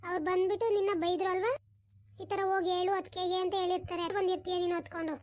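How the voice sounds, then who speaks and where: A woman voicing a caring but scolding elder sister-in-law in a village cartoon, firing rapid nagging questions. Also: very high voice, little pitch movement. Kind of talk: cartoon voice acting.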